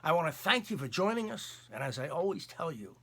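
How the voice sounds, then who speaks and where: An older man with a New York accent delivers a motivational sales talk in a bright, gravelly voice with a husky edge. He speaks emphatically, repeats his points, and swings his pitch widely. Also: fairly quick. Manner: emphatic, repetitive, animated. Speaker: podcast host and sales trainer. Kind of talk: motivational monologue.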